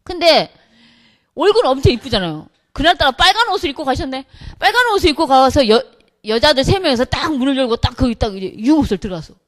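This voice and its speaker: A middle-aged woman, a pastor's wife, telling a humorous church testimony with lively storytelling, acting out what others said. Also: high voice, fast talker. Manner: lively storytelling, acts out quotes, laughs often.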